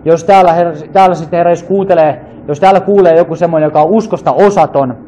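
A man's voice: fairly high pitch, mellow, slight background noise. A man leading a fervent free prayer, calling out repeated invocations and sometimes speaking in tongues. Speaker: prayer leader.

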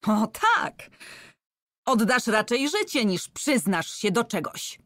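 A woman's voice: a little high, big pitch swings, unhurried, no room sound, studio quality, voice pushed up. A woman voicing a young woman who bluffs as a countess, speaking in a raised, agitated, pleading way. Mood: agitated, defiant.

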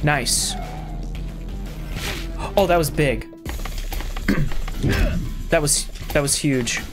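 A man's voice: fairly high pitch, very slow. A young man giving casual, exclamatory let's-play commentary as a gaming host. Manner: excitable, exclamatory. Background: game music.

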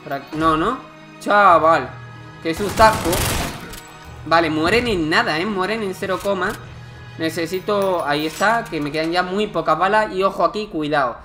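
Guy commenting on a game, chatty and jokey, game music loud behind him. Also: sits high, a little fast. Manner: chatty, joking, exclaims at the game. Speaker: gameplay commentator. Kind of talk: casual let's-play commentary.

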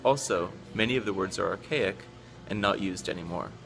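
American male teacher, lowish gravelly voice, measured word-by-word reading, music behind. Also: a bit bright. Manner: deliberate, word by word. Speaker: English teacher. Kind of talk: slow careful poem reading.

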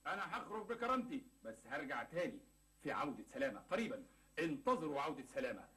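A man's voice: on the high side, sing-song, quick pace, pushed and bright. An actor with an Egyptian accent playing a proud, wounded man who quotes proverbs with theatrical flair in a TV sitcom. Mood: mock-dramatic. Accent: Egyptian Arabic. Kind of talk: 1980s Egyptian TV sitcom acting.

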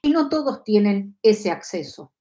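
A woman's voice: medium pitch, sing-song, a little slow, warm tone. A woman in her fifties with an Argentine Spanish accent, teaching a live online lesson from her home study on a lapel mic, often checking that listeners follow. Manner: explanatory, asks listeners for agreement. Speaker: Kabbalah teacher.

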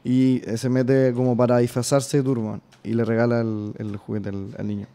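A man's voice: mid-range voice, little pitch movement, normal speed, mellow. A man with a Chilean accent in laid-back casual chat, explaining a film plot.

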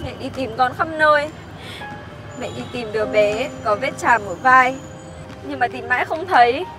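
A woman's voice: sits high, expressive, normal speed. An actress playing a harsh young mother who berates an orphan boy, scolding sharply in a scripted web sitcom. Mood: tearful. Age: young adult. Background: background music.

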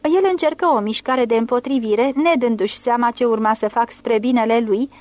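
A woman reading a classic novel aloud as an audiobook in an even, clear literary manner. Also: on the high side, no echo. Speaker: audiobook reader. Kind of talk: scripted audiobook narration.

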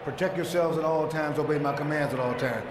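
A man refereeing a boxing match, giving brisk, commanding instructions. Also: a little high, steady tone. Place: inside a boxing ring in a large arena. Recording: echoey, very noisy boxing arena.

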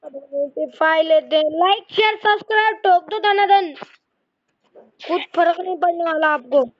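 A woman streaming a mobile shooter game and chatting with teammates. She is excitable and keeps repeating her hellos. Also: very high voice, normal speed, dry recording, highs cut off. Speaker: gaming streamer. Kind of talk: live game commentary with teammates.

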